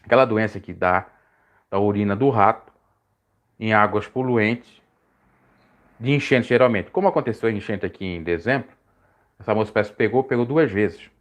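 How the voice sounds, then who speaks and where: A man preaching casually on a live stream, rambling and correcting himself, his voice jumping high when he stresses a point. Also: normal speed, long pauses. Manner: rambling, self-correcting, pitch swings high when emphatic.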